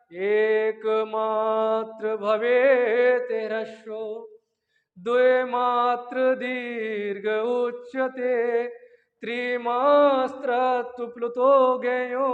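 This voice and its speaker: A male teacher giving an exam-prep grammar lecture, who asks and answers his own questions and stretches out vowels as examples. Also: very high-pitched. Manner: drawn-out vowels and chanted syllables as examples. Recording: dull lo-fi audio in a long-echo room.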